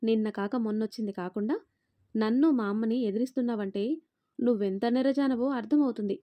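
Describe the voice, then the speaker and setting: A proud married daughter, as a woman storyteller puts her on, reproachful and commanding as she scolds. The voice is fairly high and mellow in tone. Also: a little fast, natural voice.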